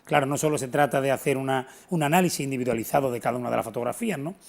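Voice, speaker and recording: Vocal fry runs through the medium-pitched voice of a middle-aged man speaking very fast. He's a local historian from Antequera, in southern Spain, answering unscripted questions on television in an earnest, emphatic, explanatory way.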